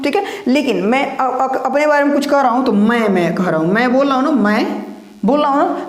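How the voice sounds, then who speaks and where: Male teacher giving a patient grammar lesson, echoey room, answers his own questions. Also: very high-pitched. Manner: repetitive, asks rhetorical questions and answers them himself. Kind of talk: classroom lesson explaining grammar.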